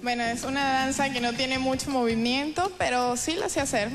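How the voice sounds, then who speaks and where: A woman's voice: high-pitched, fast. A young woman with a Venezuelan accent answering as a pageant contestant on stage. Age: young adult. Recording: reverberant hall, music behind.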